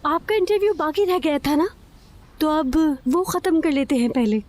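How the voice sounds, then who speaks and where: A woman's voice: high voice, lively intonation, moderate pace, darkish tone. A woman dubbing a bold, scheming young woman in a TV drama, coaxing and playful. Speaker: dubbing actor. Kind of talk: Urdu dub of a TV drama.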